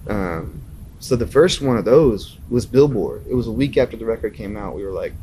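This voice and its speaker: Lively, animated musician in his thirties. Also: fairly low pitch, moderate pace, a little hiss or hum. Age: 30s. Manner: animated storytelling, laughing often, acting out own reactions. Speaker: musician guest. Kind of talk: casual interview.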